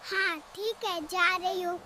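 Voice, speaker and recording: A brash, quarrelsome young wife from a cartoon family squabble, voiced by a woman. The voice sits very high and keeps a sharp, scolding edge. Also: steady tone, a little slow, very noisy. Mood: worried. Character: sharp-tongued young wife, scheming against her mother-in-law. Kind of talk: cartoon family drama voicing.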